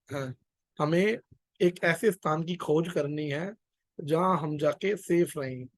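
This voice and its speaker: A man leads a scripture study class and guides the readers through each verse. His voice sits a little high and sounds dry and close, with no room around it. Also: no echo. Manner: guides readers, corrects recitation. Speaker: class leader.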